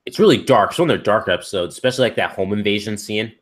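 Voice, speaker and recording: A man's voice: on the low side, lively intonation, very fast, fairly bright tone, slightly rough. A young man hosting a casual stream chat, rambling with lots of fillers. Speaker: stream host.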